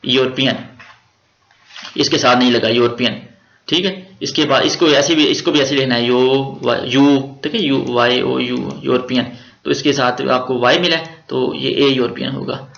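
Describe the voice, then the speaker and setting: Pakistani tutor, man, gravelly bright voice, repeats and spells words, dull echoey room recording. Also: medium pitch, steady tone, moderate pace. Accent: Pakistani Urdu. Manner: casual, jokey teaching with slang. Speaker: grammar teacher. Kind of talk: exam-prep grammar lecture.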